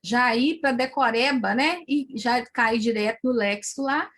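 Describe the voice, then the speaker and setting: A woman's voice: on the high side, measured pace, fairly bright tone. A woman with a Brazilian Portuguese accent explaining early literacy methods to teachers, checking in often with tag questions. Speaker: teacher trainer.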